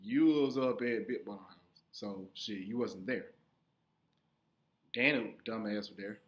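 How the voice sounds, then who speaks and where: A young man telling a profane stand-up story, acting out his younger self in sudden high squeaky voices. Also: unhurried. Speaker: stand-up comedian.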